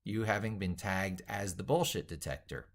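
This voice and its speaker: Reading aloud from an essay he is still working on, this middle-aged tech educator and video host sounds theatrical, wordy, and emphatic. He has a low voice and speaks at a normal speed.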